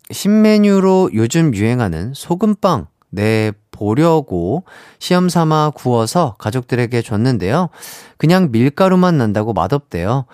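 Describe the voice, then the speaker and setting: Casual young male radio DJ, animated pitch, dry close sound. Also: no room sound. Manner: lively, friendly, chatty with light laughter. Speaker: radio show host. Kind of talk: casual radio hosting, reading listener messages.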